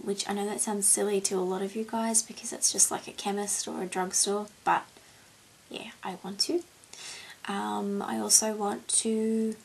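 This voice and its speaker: A woman's voice: medium pitch, a little mellow, slight background noise, rough recording. A young woman chatting casually to camera as a vlogger, answering tag questions with plenty of ums. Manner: rambling and chatty, with many ums. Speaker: beauty vlogger.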